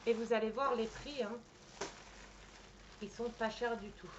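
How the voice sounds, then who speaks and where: Woman, higher voice, casual unboxing chat, enthusiastic, halting, faint home noise, muffled mic. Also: steady tone. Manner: chatty, enthusiastic, with frequent hesitations. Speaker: vlogger reviewing a purchase. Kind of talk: casual unboxing and screen walkthrough.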